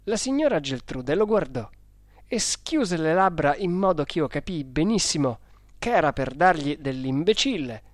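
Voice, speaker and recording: A reader narrating a storybook in a calm, measured way. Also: medium pitch, no room sound, studio quality.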